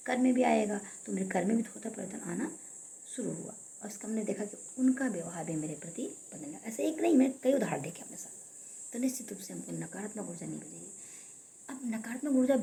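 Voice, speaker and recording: A woman schoolteacher sharing a personal spiritual reflection in an earnest, halting way, often restarting and correcting herself. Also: medium pitch, creaky, dark tone, a little hiss or hum.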